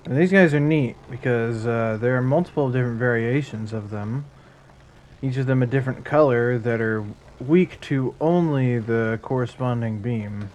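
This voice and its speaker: Casting: male streamer, mid-pitched, chatty and self-deprecating, faint room ambience. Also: normal speed, a little mellow, lo-fi sound, a little hiss or hum. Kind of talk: casual gameplay commentary.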